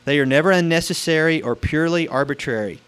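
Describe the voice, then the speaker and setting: Upbeat youth pastor guy preaching, kinda higher voice, chatty, asks questions and repeats stuff to drive it home. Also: fast, fairly bright tone, clear, resonant tone. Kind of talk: casual sermon to a congregation.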